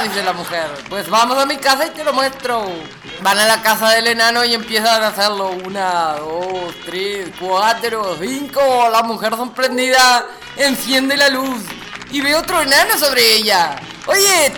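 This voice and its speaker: A man voicing a bawdy woman comic who tells crude jokes with loud punchlines. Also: high-pitched, background noise. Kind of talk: comedy sketch. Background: music.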